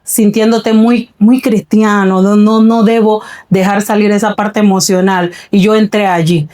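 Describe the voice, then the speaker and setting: A woman's voice: medium pitch, little pitch movement, measured pace, warm tone. A woman pastor giving an earnest, reflective personal testimony in a faith podcast conversation, often repeating her words.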